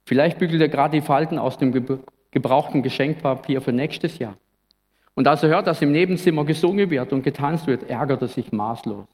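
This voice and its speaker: A man's voice: a little high, fairly quick, a little mellow, in a large hall. A male pastor giving an earnest, reflective Christmas sermon in a church, at times speaking casually. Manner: earnest, reflective, sometimes conversational.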